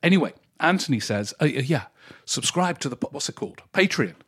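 A man's voice: a little high, animated, brisk, a bit bright, breathy edge. A man hosting a solo podcast, talking through listener emails in a reflective, self-correcting way. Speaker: podcast host. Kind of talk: casual solo podcast commentary.

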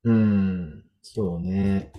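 A man's voice: sits low, steady tone, drawn-out words, lo-fi sound. A man hosting a podcast in a casual, chatty way, thinking aloud with fillers. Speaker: podcast host.

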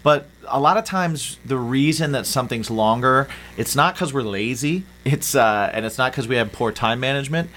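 A man's voice: medium pitch, moderate pace, hardly any pauses, a bit bright, slight background noise. A man hosting a podcast, chatting in an upbeat way and plugging the show. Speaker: podcast co-host. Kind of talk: casual chat.

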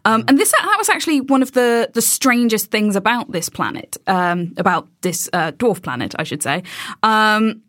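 A woman's voice: medium pitch, lively intonation, normal speed, a bit bright, no echo, studio quality. A woman explaining space science in casual chat, with many ums and restarts.

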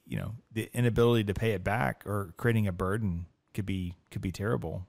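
A man's voice: lowish voice, fairly quick, gravelly, a little mellow, no room sound, clean studio sound. A middle-aged man with an American accent, hosting a casual podcast discussion. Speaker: podcast host, financial advisor.

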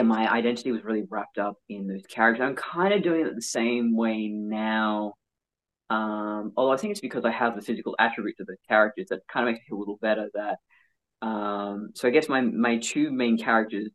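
A male-sounding voice in conversation, giving candid personal stories as an interview guest. The delivery is frank and animated, with a self-mocking streak and a medium pitch. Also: low-quality recording.

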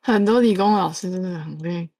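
A woman's voice: on the low side, fast, darkish tone. A woman, co-hosting a podcast with emphatic, reactive commentary. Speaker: podcast co-host, graduate student. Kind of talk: casual podcast chat.

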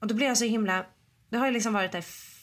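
A woman in her forties chatting casually, retelling a story in a lively way and acting out what people said. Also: a little high. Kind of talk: casual chat, telling a story.

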